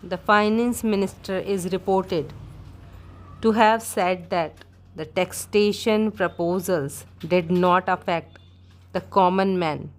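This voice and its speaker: For dictation practice, a woman reads out a speech in brief, measured phrases with distinct gaps, her voice on the low side.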